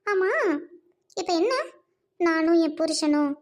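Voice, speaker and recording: Brief: woman voicing defiant young wife, high-pitched, scolding and fearless, amateur skit. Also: slow pace. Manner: fierce, accusing, scolding. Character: defiant young married woman confronting her scheming uncle.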